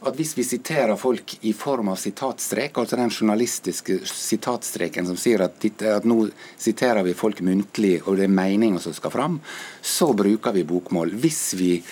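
Halting Norwegian man with an Ålesund accent. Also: fairly low pitch, darkish tone, slightly rough. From Norway, Ålesund. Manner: halting, repeats words when starting sentences. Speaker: news editor. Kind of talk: radio debate.

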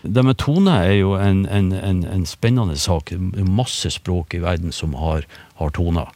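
A man explaining word sounds in a relaxed radio conversation, with frequent fillers and restarts. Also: deep voice, dry recording. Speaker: phonetics expert. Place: radio studio.

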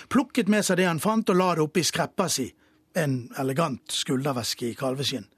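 A man narrating a satirical fairy tale in a playful, expressive radio reading. His voice is fairly high and a bit husky. It is a dry studio recording with faint music behind. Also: no echo. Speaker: radio storyteller.

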